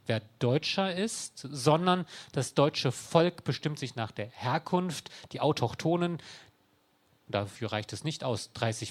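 A man giving an explanatory talk to an audience in a conversational, wry way, with dry sarcastic asides. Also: medium pitch. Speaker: speaker explaining law to an audience.

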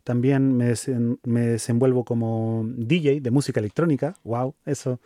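Mellow Chilean man, thoughtful talk. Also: mid-range voice, steady tone, normal speed, no echo, studio quality. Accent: Chilean Spanish. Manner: thoughtful, hesitant with fillers. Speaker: co-host. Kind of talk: casual conversation.

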